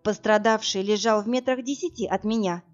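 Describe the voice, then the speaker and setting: A woman's voice: medium pitch, brisk, faint music behind. Woman reading a dramatic audiobook. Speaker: audiobook narrator. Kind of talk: first-person audiobook narration. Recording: dull lo-fi audiobook recording.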